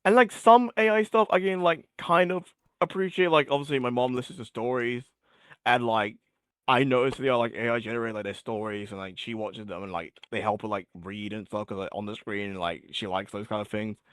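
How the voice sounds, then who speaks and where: A man's voice: mid-range voice, steady tone, brisk, smooth, dry recording, clean studio sound. A man as an interview guest, chatting casually and rambling with lots of filler words, his voice getting worn. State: losing his voice. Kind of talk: casual chat.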